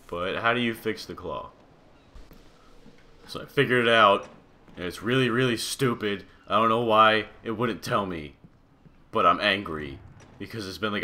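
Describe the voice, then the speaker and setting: Man, very low voice, slow and lively delivery, sarcastic gamer commentary, swears when frustrated. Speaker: gamer playing a story game. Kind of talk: casual let's-play commentary. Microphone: desktop microphone.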